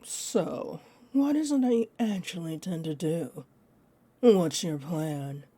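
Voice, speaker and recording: In an audio roleplay, an actress plays a teasing, possessive female vampire who speaks straight to the listener, condescending and confident. Her voice is mellow and on the low side. She sounds skeptical and probing, smug, taunting and unhurried.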